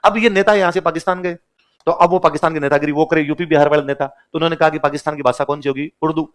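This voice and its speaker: A man's voice: fairly high pitch, steady tone, racing. A male history teacher giving a classroom lecture who keeps quizzing his class with repeated questions and acts out quoted speech. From Rajasthan, India.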